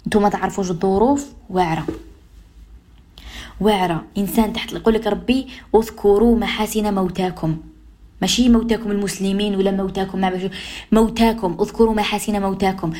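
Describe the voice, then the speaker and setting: A woman's voice: mid-range voice, fairly even intonation, fast, warm tone. A woman radio host with an Algerian Arabic accent giving an emphatic, repetitive, admonishing advice monologue. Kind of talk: advice monologue on social behavior.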